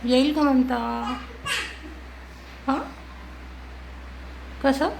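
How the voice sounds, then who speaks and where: Woman, high voice, slow and patient, gently coaxing parent at home, phone-recorded. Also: steady tone, background noise. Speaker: parent filming a toddler. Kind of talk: coaxing a small child on camera. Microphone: phone camera.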